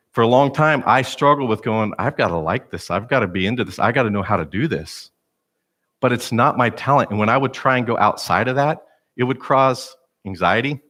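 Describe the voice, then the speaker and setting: A man's voice: mid-range voice, a bit bright. A male pastor preaching a sermon in a conversational, self-deprecating storytelling manner. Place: church sanctuary.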